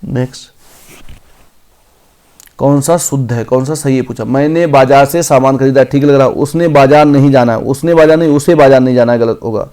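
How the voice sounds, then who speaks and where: Man teaching a grammar class, reads options out slow then fixes them, regular pitch, close mic. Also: fairly even intonation, mellow. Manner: reads each option aloud slowly, then corrects it. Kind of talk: exam prep lesson.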